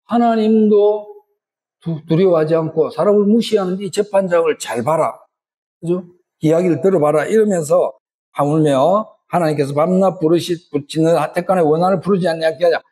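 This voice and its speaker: A male pastor preaches a sermon, his voice pitched high for a man and mellow in tone. He builds emphasis as he speaks and keeps asking the congregation rhetorical tag questions. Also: moderate pace, low-quality recording.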